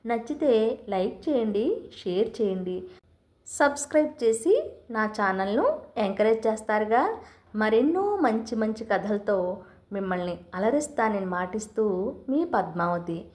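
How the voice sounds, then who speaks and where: A woman reading a short story aloud and chatting gently with her listeners as the host of her own channel. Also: medium pitch, lively intonation, a little slow. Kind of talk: scripted story narration. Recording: roomy echo.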